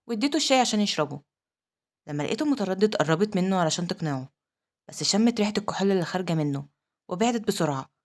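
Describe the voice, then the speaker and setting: A woman with an Egyptian Arabic accent narrating a manhwa recap, telling the story quickly and reading quoted lines plainly. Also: medium pitch, darkish tone.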